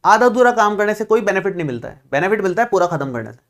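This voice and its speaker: A male math teacher giving a classroom lecture, chatty and reassuring, teasing his students and repeating steps slowly. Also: sits high, very animated.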